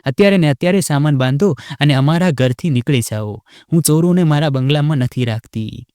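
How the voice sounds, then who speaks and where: A man voicing an arrogant, scornful rich young wife who taunts and shouts in a sharp voice. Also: fairly high pitch, fairly quick, dry recording, clean studio sound, lightly acted.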